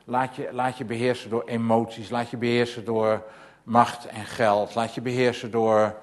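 A man preaching a sermon, asking rhetorical questions and repeating phrases with growing insistence. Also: on the low side. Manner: rhetorical questions and insistent repetition, swelling to loud emphatic passages.

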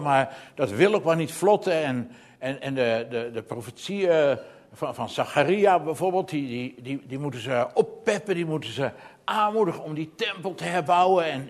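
A man preaching a sermon, earnest and emphatic, often repeating words as he goes. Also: on the high side.

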